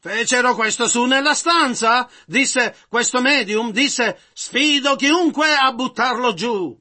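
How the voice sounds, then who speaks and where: A man interpreting a sermon in measured phrases that echo the preacher. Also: extremely high pitch, bright, forceful tone.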